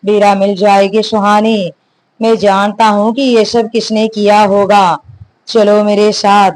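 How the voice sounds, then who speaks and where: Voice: medium pitch, level tone, slow pace, close to an everyday voice, low-quality recording. A narrator voicing an angry young husband who confronts his father and stresses every word. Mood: soothing. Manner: stern, stresses each word.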